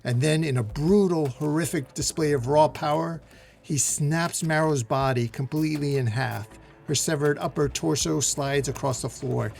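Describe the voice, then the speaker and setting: A man's voice: on the high side, normal speed, gravelly, a little mellow. A man narrating a comic book recap in a dramatic, scripted way, talking to viewers as "guys.". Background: faint music.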